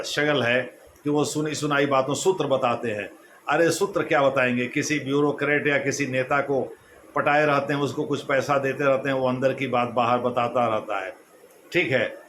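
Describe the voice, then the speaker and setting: A man's voice: medium pitch, fairly bright tone, slight background noise. A man giving a classroom lecture as an exam coach, explaining each point again in other words. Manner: explanatory, repeats points in other words, slow emphatic quotes. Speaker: civil services exam coach.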